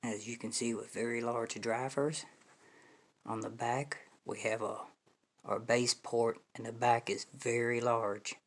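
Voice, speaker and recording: An American home audio reviewer speaks in a flat, medium-pitched voice at a measured pace. His product review is casual and folksy, and he repeats points to drive them home. The echoey indoor room and distant mic give the sound some distance.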